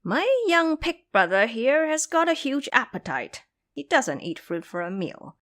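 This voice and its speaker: A woman performs a proud, hot-tempered monkey king in a fantasy audio drama, sounding boastful, playful, and used to command. Her pitch is raised and very lively, her pace a little slow, and the mood is teasing yet gracious.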